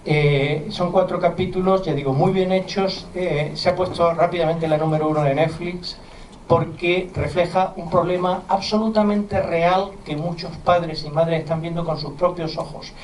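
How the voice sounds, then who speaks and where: A man's voice: on the high side, steady tone, normal speed. Earnest lecturing man in a roomy hall. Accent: mild Andalusian Spanish. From southern Spain. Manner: earnest, conversational lecturing with asides to the audience. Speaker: physician and university lecturer. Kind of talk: public lecture to parents. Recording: roomy hall, distant mic, faint background noise.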